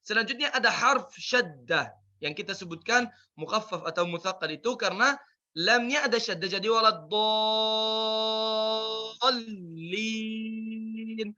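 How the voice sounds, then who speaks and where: A man teaching a Quran recitation class, drilling pronunciation by repeating sounds slowly. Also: high voice, pushed and bright, dull audio. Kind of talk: tajweed pronunciation lesson.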